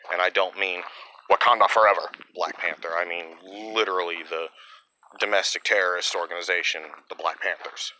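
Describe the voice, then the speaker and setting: A man's voice: sits low, bright, forceful tone, slight background noise, low-quality recording. A man delivering a blunt, profane opinion monologue in a ranting way.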